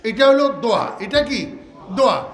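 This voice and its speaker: Older man, Bangladeshi Bengali accent, waz preacher, high voice, quizzes the crowd, long hall reverb. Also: very animated, a little hiss or hum. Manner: asks the crowd questions and answers them himself; draws out Arabic words slowly, half sung. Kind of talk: waz sermon.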